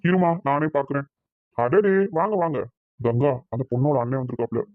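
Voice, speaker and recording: A busy cartoon husband, voiced by a man who speaks quickly and gets straight to the point. His voice sounds thin and phone-like, a little off the mic. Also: medium pitch, expressive, natural voice. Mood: brisk. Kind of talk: cartoon voice acting.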